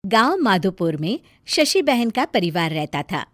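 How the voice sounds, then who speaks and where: A woman narrating a family story in a slow, expressive storytelling manner. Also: medium pitch, dry recording, clean studio sound.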